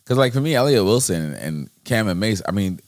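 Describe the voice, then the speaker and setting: Man, New York accent, lowish voice, laid-back podcast talk, dry close recording. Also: animated, fairly quick, dry recording. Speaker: podcast co-host. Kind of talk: casual chat.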